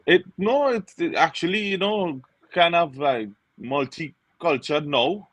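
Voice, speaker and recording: A man's voice: on the high side, unhurried, fairly bright tone, no echo, low-quality recording. Easygoing man, dry sound. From Trinidad. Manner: easygoing, lots of "you know" fillers. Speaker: singer, interview guest. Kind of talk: casual interview chat.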